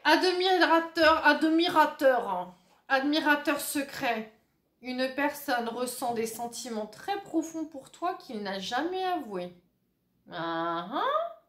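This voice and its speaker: Slow, chatty tarot reader woman. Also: sits high, big pitch swings, fairly bright tone. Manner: chatty, hesitant, many fillers and asides. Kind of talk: casual tarot reading for viewers. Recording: roomy echo.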